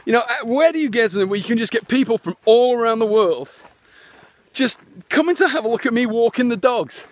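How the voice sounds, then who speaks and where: Walking outdoors across his land, this internet marketer streams live from his phone, talking in a rambling way full of restarts and fillers. The voice is very high-pitched and animated, and he talks fairly quickly.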